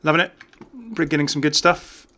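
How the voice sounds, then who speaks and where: At normal speed and with a fairly high, bright, forceful voice, a man chats his way through informal video game commentary, showing real enthusiasm for small details.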